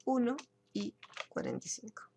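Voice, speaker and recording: Woman teaching software, gravelly voice. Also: medium pitch, big pitch swings, normal speed, slight background noise. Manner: explains step by step, checks in with students. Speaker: computer course teacher. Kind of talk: screen-share software tutorial.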